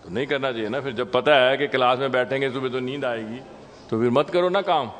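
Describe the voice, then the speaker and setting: A man's voice: medium pitch, brisk, fairly bright tone, big-room sound, a little hiss or hum. A man giving a Sunday sermon as temple lecturer, conversational and teasing the audience with questions. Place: temple hall.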